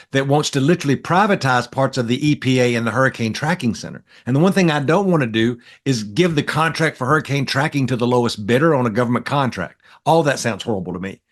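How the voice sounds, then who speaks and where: Middle-aged guy cohosting a podcast, blunt and folksy, just chatting. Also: mid-range voice. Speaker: podcast co-host. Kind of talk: casual political chat.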